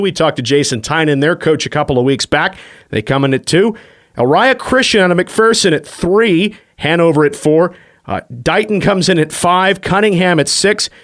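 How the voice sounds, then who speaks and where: Fast-talking male sports radio host. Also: a little high. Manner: rapid, breezy delivery with filler uh's. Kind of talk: sports radio scores and rankings rundown. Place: radio studio. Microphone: studio microphone.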